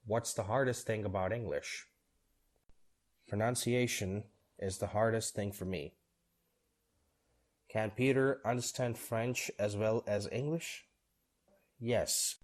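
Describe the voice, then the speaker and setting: A man reading both parts of short scripted dialogues for English learners, steady and measured. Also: fairly low pitch.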